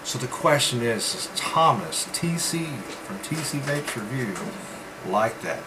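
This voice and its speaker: A man talks casually as a reviewer in a home-made vlog style, at a middling pitch. His delivery rambles and halts, with frequent pauses. A clear, steady hum like air conditioning runs behind his voice. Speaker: vape reviewer.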